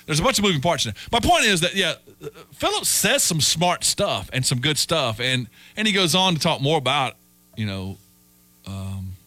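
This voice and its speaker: A man's voice: a little high, moderate pace. A man hosting a sports talk show, telling stories and acting out quoted voices. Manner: animated storyteller, acts out quoted voices. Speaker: sports radio host.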